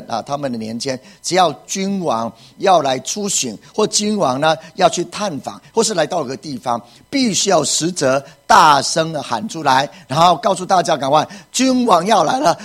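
A man preaching a sermon as pastor, emphatic, with repeated phrases and rhetorical questions. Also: fairly high pitch.

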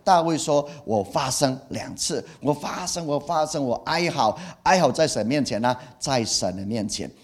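A middle-aged man preaching a sermon, animated, repeating key phrases and acting out feelings with exclamations. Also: medium pitch, moderate pace, few pauses. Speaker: pastor.

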